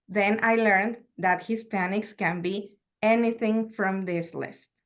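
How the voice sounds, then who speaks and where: Measured and reflective, a Mexican university lecturer, a native Spanish speaker, delivers an academic lecture in a medium-pitched voice. She asks rhetorical questions along the way.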